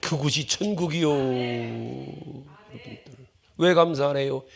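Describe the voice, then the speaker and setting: A middle-aged male pastor preaching a sermon in a church, acting out quarrels with sudden shouts and dropping to whispers. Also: mid-range voice, unhurried, vocal fry. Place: church sanctuary.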